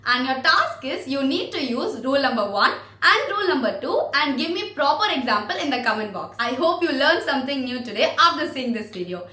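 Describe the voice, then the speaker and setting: A woman teaching a spoken lesson, saying each word slowly and then repeating it for learners. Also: high-pitched, big pitch swings, pushed and bright, roomy sound. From India. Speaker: English teacher.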